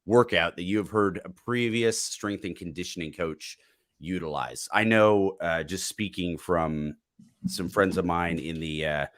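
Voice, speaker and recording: A man's voice: sits low, a little slow, fairly bright tone, dry recording, clean studio sound. A man hosting a live sports talk stream, joking casually and reading out viewer questions while fighting a cold. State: has a cold. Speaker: podcast host.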